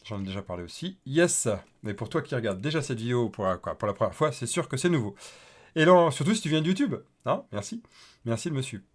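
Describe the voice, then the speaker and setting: A man's voice: medium pitch, big pitch swings, fast. A man teaching a casual live coding tutorial, chatty and thinking aloud with many fillers as he types. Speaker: developer teaching a coding livestream.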